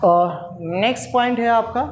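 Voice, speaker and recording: A man teaching spoken English in a patient lesson style, repeating drills slowly and calling his viewers friends, standing at a writing board. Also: very high-pitched, highs cut off, a little hiss or hum. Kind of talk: classroom-style language lesson.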